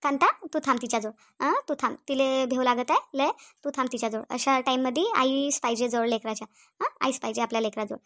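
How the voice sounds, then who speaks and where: A woman voicing a very high-pitched, nagging village mother. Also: fast talker, a bit bright. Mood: urging. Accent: Varhadi Marathi. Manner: repetitive, nagging, tag questions. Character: fussy middle-aged village mother, scolding then soothing.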